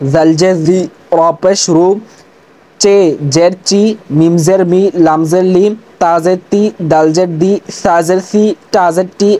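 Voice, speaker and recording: A teacher giving an online language lesson, drilling letter sounds slowly and deliberately after opening with religious greetings and prayers. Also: mid-range voice, mellow. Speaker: Urdu teacher.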